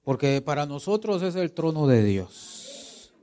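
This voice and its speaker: A man's voice: a little high, very animated, takes it slowly, dark tone. A man preaching a sermon as pastor, asking rhetorical questions and acting out quotes, rising to emphatic peaks. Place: church.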